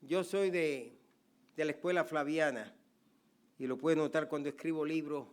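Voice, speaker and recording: High-voiced older man preaching. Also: steady tone, moderate pace, clear, resonant tone. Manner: swings from soft asides to loud emphatic preaching. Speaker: pastor. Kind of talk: sermon.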